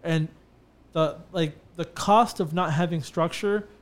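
A man's voice: a little high, slow. A man who runs a bathtub refinishing business, chatting casually on a podcast and telling stories with lots of fillers and restarts. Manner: animated storyteller, many fillers and restarts.

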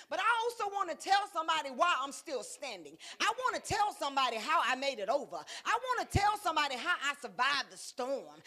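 High, bright-voiced woman preaching. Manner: call-and-response preaching, swings from soft to shouting; colloquial, rhythmic repetition. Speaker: pastor. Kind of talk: sermon.

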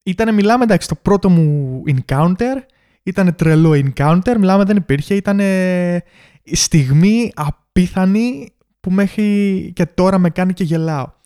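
Animated young man telling shop stories. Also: high-pitched, smooth. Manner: animated, mimics customers in quotes. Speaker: podcast host. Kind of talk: casual storytelling monologue.

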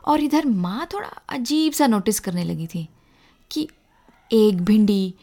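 A woman narrates a children's story at an unhurried pace. Her voice sits fairly high, and she reads with expression. She takes her time over each phrase. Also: gravelly. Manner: slow, expressive reading with voiced dialogue.

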